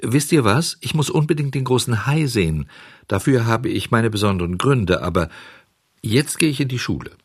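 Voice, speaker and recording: A stubborn wooden puppet boy from a storybook, stammering and pleading by turns, voiced by a man. The voice is raised, husky and swings widely, in a dry recording. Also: medium pitch, lively intonation, moderate pace, no echo. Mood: boastful. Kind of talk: audiobook reading.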